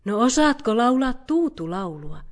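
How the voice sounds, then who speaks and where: A woman voicing a motherly, choosy female bear in a storybook reading, talking loudly and with emphasis. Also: fairly high pitch, sing-song, pitched above the performer's own voice.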